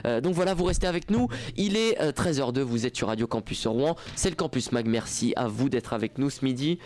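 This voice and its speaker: A man's voice: mid-range voice, lively intonation, brisk, darkish tone, slight background noise. A young man hosting a campus radio show in a studio, chatting casually with lots of fillers and restarts. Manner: rambling, many restarts and fillers. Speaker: radio host. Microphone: studio microphone.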